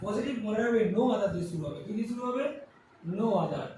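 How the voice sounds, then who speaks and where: A man with a high-pitched voice talks fast while teaching grammar at a board, working through examples step by step. He is recorded from a distance, far from the mic in a very echoey room, with steady background noise underneath. He repeatedly poses questions to the class and answers them himself.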